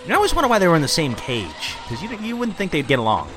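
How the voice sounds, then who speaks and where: Man, podcast host, casual amused commentary, hugely varied pitch, faint music behind. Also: wildly swooping pitch, very fast. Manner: chatty, amused. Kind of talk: casual running commentary on a cartoon.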